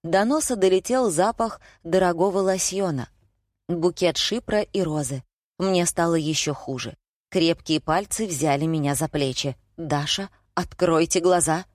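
A woman narrating a first-person story with a wry, ironic touch. Her voice sits somewhat low. The studio recording is dry and close. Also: moderate pace, a little mellow, no room sound. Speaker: audiobook narrator.

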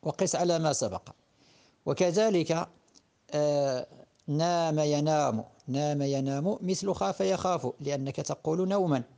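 Moroccan guy teaching grammar, kinda high voice but mellow, slow repeats, lots of "aah"s. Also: gravelly. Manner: patient, repeats forms slowly with frequent drawn-out fillers. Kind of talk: classroom-style lesson.

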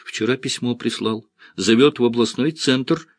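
Guy reading upbeat teasing village woman, lively, a bit mocking, dry close sound. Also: medium pitch, measured pace, no echo, lightly acted. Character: cheerful young village woman, warm and teasing.

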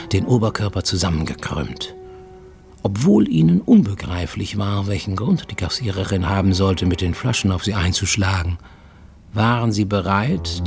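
For a radio play monologue produced in a studio, an actor plays a wary, greying Japanese man hiding abroad who confides in a formal, insistent manner. His voice is lowish with vocal fry.

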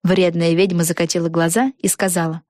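A woman narrating a children's audiobook in an expressive storytelling voice. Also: fairly low pitch, brisk, no echo, clean studio sound.

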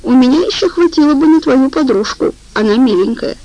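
A woman voicing a drugged young man in a psychiatric ward who speaks lazily with a soft Caucasian accent. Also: mid-range voice, normal speed, highs cut off, lightly acted. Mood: languid. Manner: soft, sluggish, lazy.

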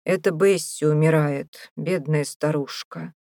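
A woman voicing an excitable, pious male family father in an audiobook, quick and exclaiming. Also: sits low, gravelly, dry recording, studio quality. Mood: earnest.

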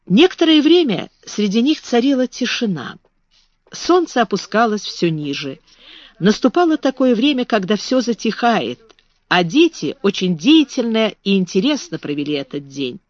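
Expressive woman reading a storybook. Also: mid-range voice, normal speed, dry recording, dull audio. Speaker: audiobook reader. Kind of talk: storybook narration.

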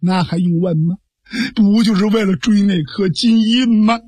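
Grieving male imperial envoy, a male storyteller acting him, husky, dry. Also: high-pitched, moderate pace, darkish tone, dry recording. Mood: grieved. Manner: stammering, heavy-hearted.

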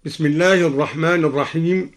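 A man teaching Quran reading variants on the radio, explaining each point and then chanting the verse slowly as an example. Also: on the high side. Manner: measured, slow chanting of quoted verses. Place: radio studio.

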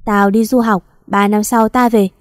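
A woman's voice: medium pitch, little pitch movement, normal speed, no echo, clean studio sound, lightly acted. Woman doing a bossy young rich master. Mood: scolding. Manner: curt, scolding orders.

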